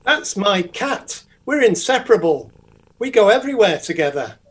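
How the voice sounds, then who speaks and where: Lady doing a cheeky young panto traveller, hopeful, middling pitch. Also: sing-song, moderate pace, a little hiss or hum, lightly acted. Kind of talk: pantomime acting.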